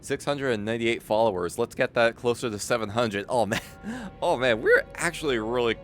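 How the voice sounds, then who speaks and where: A man chatting excitedly as a game livestreamer, animated and often repeating his phrases. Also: medium pitch, brisk, faint music behind. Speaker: live streamer. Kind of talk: excited gaming livestream chat.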